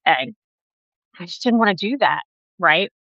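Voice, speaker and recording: Low-voiced woman on a dull video call. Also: animated, a little slow, fairly bright tone, no room sound. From Guyana. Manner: conversational, frequent "right?" asides. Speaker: guest. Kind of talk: casual interview conversation.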